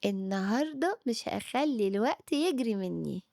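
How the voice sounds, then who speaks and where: A woman with an Egyptian Arabic accent voicing a little boy who keeps putting things off, pleading and excitable. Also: a little high, moderate pace, gravelly. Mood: cheerful.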